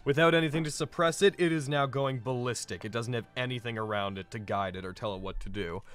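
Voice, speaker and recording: Serving as game master for a tabletop game, a man narrates with dramatic descriptions, though his delivery is halting and conversational. His voice sits in the mid range.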